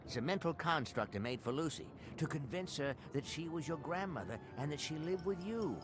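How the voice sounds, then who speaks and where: An actor playing an earnest, animated adventure character in video game dialogue. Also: male voice, a little high, fairly quick, music in the background, lightly acted. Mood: urgent, conspiratorial.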